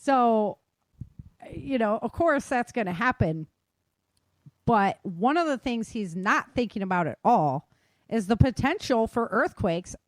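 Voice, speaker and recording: Here an American woman who hosts a podcast and writes books speaks in a slightly mellow voice on the high side. There's no room sound as she explains her points in a relaxed conversation, checking in often with "right?" and "you know".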